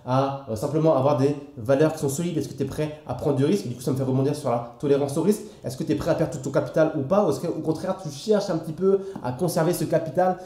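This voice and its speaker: Young french guy chatting about stocks, kinda high voice, lots of euhs. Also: fairly even intonation, quick pace, few pauses, mellow, reverberant. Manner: familiar, addresses the viewer directly with frequent fillers. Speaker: investing educator. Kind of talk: casual explainer to camera.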